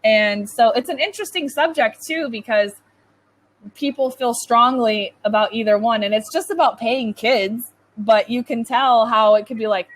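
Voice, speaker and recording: Over an online video call with poor audio, a woman with a North American accent tutors English one-to-one in a chatty, informal way, saying "like" a lot. Her voice sits a little high, and she talks at a moderate pace.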